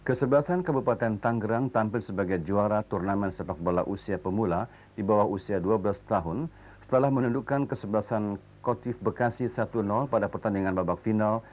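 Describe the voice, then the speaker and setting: A man with an Indonesian accent reading formal scripted television news, with measured, formal enunciation, as an anchor. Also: on the low side, darkish tone. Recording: noisy old TV broadcast recording.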